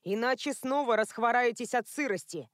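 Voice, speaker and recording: A woman voicing a loyal, gruff male servant who barks out commands urgently. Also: a little high, expressive, moderate pace, dry recording, studio quality, close to an everyday voice.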